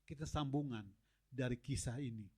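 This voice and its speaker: A man's voice: medium pitch, normal speed, slightly rough. A middle-aged man preaching a sermon as a pastor, telling stories and acting out dialogue with God and Moses. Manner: animated storytelling, acts out God and Moses in dialogue.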